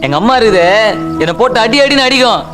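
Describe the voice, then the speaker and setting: A man's voice: very high-pitched, big pitch swings, fast, music in the background. A young man playing a drunk young street tough who rambles tearfully about his dead mother. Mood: wistful. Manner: rambling, swings between laughing and sobbing. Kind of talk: fan recreation of a film scene.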